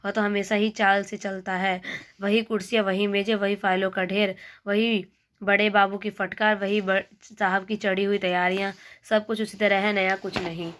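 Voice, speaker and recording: A woman teacher reading the lines of a polite, uneasy male office clerk on a visit, slowly and evenly. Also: mid-range voice, close to an everyday voice. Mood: musing. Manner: slow, flat reading of dialogue.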